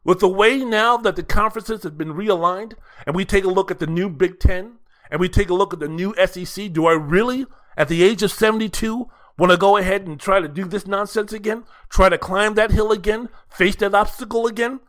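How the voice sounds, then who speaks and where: This male sports podcaster has a notably high, sharp-edged voice and offers opinionated solo commentary full of rhetorical questions and repetition. He delivers it emphatically and theatrically, at a fairly quick clip.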